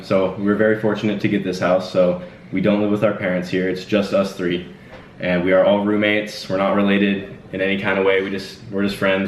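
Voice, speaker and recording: Low, flat-voiced young man in an echoey room. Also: slight background noise. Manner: laid-back, rambling with fillers. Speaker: channel host. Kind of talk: casual Q&A chat. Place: indoors at home. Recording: echoey room, distant dull mic.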